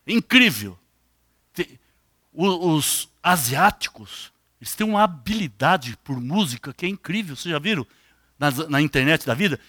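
Older man, brazilian accent, sermon preacher, bright voice, dry close sound. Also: fairly high pitch, normal speed, breathy edge, no echo. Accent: Brazilian Portuguese. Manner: animated, questions the congregation directly.

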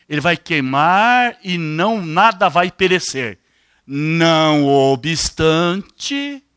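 An older Brazilian preacher delivers a sermon with a lively, swooping pitch and a bright, forceful tone. He fires questions straight at his listeners. The sound is dry and close. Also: no room sound. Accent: Brazilian Portuguese. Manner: animated, questions the congregation directly.

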